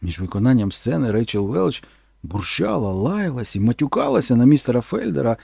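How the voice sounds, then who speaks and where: A man's voice: mid-range voice, big pitch swings, fairly quick, gravelly, a little mellow, husky, dry recording, studio quality. A man reading a first-person story aloud in a plain, earnest storytelling manner. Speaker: audiobook narrator. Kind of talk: first-person audiobook narration.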